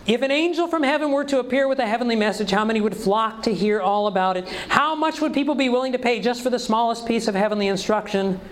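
High-voiced man preaching a sermon. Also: fast talker, few pauses, low-quality recording. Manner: emphatic, rhetorical questions to the congregation.

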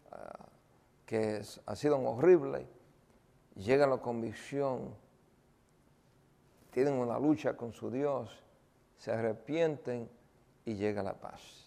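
Gravelly-voiced man preaching a sermon. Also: mid-range voice, darkish tone, in a large hall. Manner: conversational, asks the congregation questions, many fillers. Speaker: pastor. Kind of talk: sermon with storytelling.

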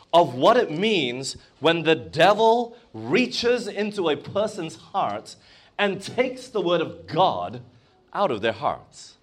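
A male preacher delivers a sermon at an unhurried pace and keeps stopping to question his listeners. His pitch sits a little high and swings widely as he presses each point. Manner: lively, emphatic preaching with questions to the congregation. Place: church or conference hall.

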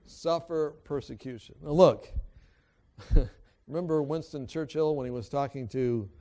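A man preaching a sermon, telling stories and acting out the people in them, swinging between loud emphasis and quiet, hushed moments. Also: on the high side, measured pace. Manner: acts out quoted people in dialogue. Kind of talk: sermon with storytelling.

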